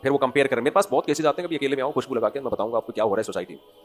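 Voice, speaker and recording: A man with a Pakistani Urdu accent giving a religious lecture to an audience. He preaches with animation, pushing out emphatic rhetorical questions and then dropping into low asides. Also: lively intonation, faint music behind. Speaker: Islamic scholar giving a lecture.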